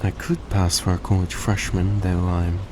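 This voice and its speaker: Here the same tender, grateful vampire, centuries old but youthful in appearance, addresses the listener with soft, coaxing gentility in an audio drama roleplay. The man's low voice keeps a normal speed and feels close to everyday speech, earnest and suave. Constant background noise resembling a vehicle's hum is audible.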